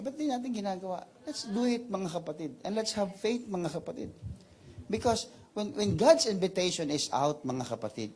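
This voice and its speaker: A male pastor preaching a sermon, telling a story and switching between Tagalog and English, his pitch rising sharply in the dramatic moments. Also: darkish tone.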